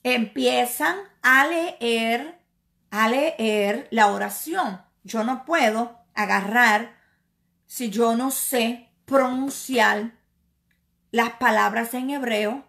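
A woman evangelist delivers a sermon at a deliberate, unhurried pace, stressing and repeating her key words. Her voice sits a little high and carries a gravelly edge. She keeps putting questions to her listeners and answering them herself. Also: fairly bright tone. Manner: slow emphatic preaching with repeated words and rhetorical questions.

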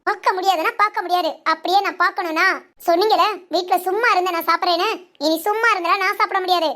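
A sharp-tongued young wife from a family cartoon, performed by a woman. She refuses to back down and answers every charge firmly. Her voice is very high and her words come fast. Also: steady tone. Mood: defiant. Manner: defiant, firm, talks back. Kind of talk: animated family cartoon dub.

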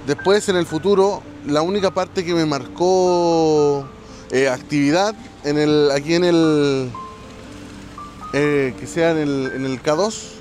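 Halting Chilean man, higher-pitched, night vlog. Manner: halting, searching for words. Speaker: paranormal exploration vlogger. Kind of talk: casual night exploration vlog. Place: outdoors at night.

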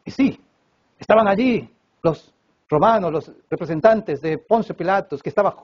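Man, pastor, sermon, emphatic, husky tone, muffled recording. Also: moderate pace. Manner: emphatic preaching, swinging from loud cries to hushed low stretches. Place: church service.

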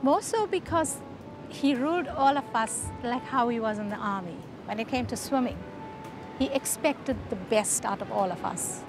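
A woman's voice: fairly high pitch, expressive, normal speed. An older woman, reminiscing in a documentary conversation outdoors. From South Africa. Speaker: documentary interviewee. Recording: music behind the voice.

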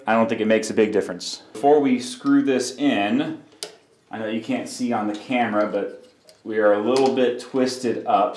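In his workshop, a man gives a hands-on bike repair tutorial, explaining each step in a relaxed, practical manner. He's a bike mechanic whose voice is fairly low and darkish, heard in a reverberant space.

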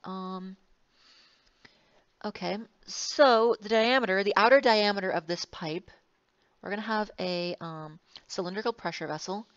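A woman's voice: mid-range voice, unhurried, clean tone, dry recording. A woman engineering instructor giving a recorded lecture, rambling and correcting herself with wry asides. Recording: dull, slightly muffled, dry sound.

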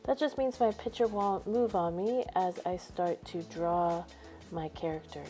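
A woman with a lowish, mellow voice walks through a screencast tutorial step by step, upbeat and clear. Soft music plays faintly behind her. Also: steady tone, unhurried. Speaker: teacher. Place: voice-over over a screen recording.

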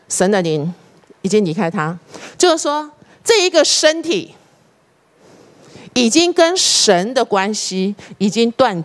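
A woman, a church leader giving an interactive sermon. She directs volunteers through a live demonstration and keeps putting rhetorical questions to the congregation. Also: medium pitch. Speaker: church district leader preaching. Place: church service before a congregation.

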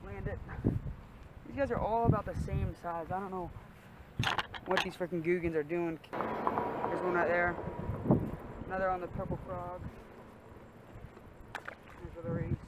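A man's voice: high voice, steady tone, unhurried, pauses often, very noisy. A teenage boy casually narrating his fishing trip by a pond, offhand and slangy, recorded outdoors on a camera mic. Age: teens. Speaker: vlogger. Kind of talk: casual fishing vlog commentary.

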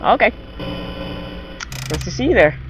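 A man's voice: sits high, very animated, unhurried, fairly bright tone, soft background music, poor audio. A young man giving live commentary on a horror game into a headset mic. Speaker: gamer playing a horror game.

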